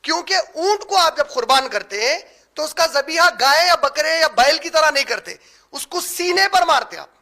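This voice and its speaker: A man with a high voice teaches a religious lecture as an Islamic teacher. His tone is bright and sharp. He explains step by step, asks his listeners rhetorical questions and drops English words into his speech. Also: lively intonation.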